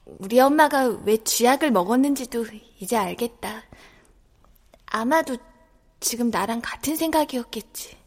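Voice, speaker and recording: A woman voicing a gentle young child in an audio drama who speaks plainly and softly. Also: a little high, lively intonation, normal speed. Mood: resigned. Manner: plain and soft, later quiet and resigned. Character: poor, gentle young child facing its death.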